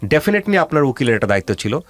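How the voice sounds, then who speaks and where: A male radio host with a Bangladeshi accent advises a guest on a life-story show, pressing insistently with questions and mixing English phrases into his speech. His voice sits in the mid-range, swings widely in pitch, and moves fast.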